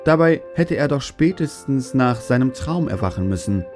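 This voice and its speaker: A man narrating a fairy tale in a calm, even storytelling manner. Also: medium pitch, moderate pace, music in the background.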